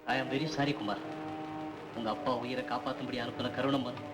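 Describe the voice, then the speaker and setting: A man's voice: mid-range voice, steady tone, normal speed, close to an everyday voice. An actor playing a grave middle-aged man solemnly delivering bad news. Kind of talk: 1960s Tamil film melodrama. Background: film score music.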